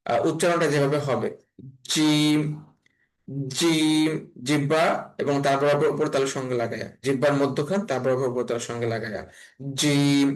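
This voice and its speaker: A man from Bangladesh teaching an online class on letter pronunciation, speaking slowly and repeating each sound several times. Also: medium pitch, steady tone, poor audio. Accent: Bangladeshi Bengali. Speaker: Quran reading teacher.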